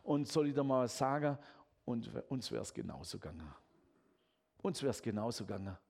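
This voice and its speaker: A man preaching a sermon in a chatty, lively way, often adding "gell". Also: medium pitch, normal speed, vocal fry.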